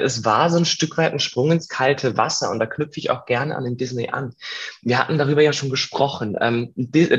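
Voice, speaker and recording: Man, podcast guest, thoughtful, step-by-step explaining, mid pitch, somewhat dull audio. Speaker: coach and musical performer, guest. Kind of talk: podcast conversation.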